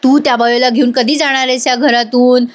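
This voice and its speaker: A woman's voice: high-pitched, fairly even intonation, brisk, natural voice. Woman voicing a bossy, scheming woman of the house. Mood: scolding. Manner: scolding, commanding.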